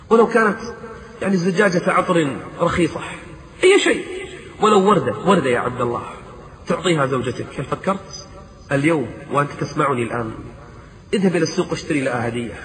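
A man's voice: a little high, fairly bright tone, slight background noise. A man preaching a sermon, fervent and pleading, asking rhetorical questions and chanting verses in a sung tone. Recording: echoey hall.

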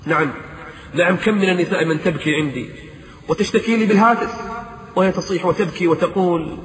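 In an echoey hall, a man with a high voice preaches quickly and fervently. He pleads, poses rhetorical questions, and chants verses in a sung tone.

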